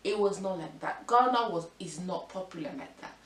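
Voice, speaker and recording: A woman's voice: on the low side, normal speed, fairly bright tone. A woman in her twenties from France, vlogging in a casual, rambling way with lots of fillers and restarts. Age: 20s. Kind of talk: casual chat to camera. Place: room at home by a window. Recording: echoey room, mic at a distance, faint hiss.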